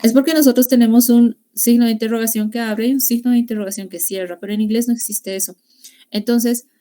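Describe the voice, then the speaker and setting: Young woman teaching english on a video call, with english bits thrown in, warm and encouraging. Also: medium pitch. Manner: explains grammar in Spanish mixing English classroom phrases. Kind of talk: online class lecture.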